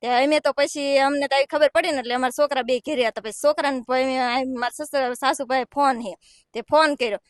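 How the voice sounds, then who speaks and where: A woman's voice: high voice, no room sound, studio quality. A young woman giving distressed, pleading testimony to a reporter. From Gujarat, India. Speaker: villager interviewed. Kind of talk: emotional testimony.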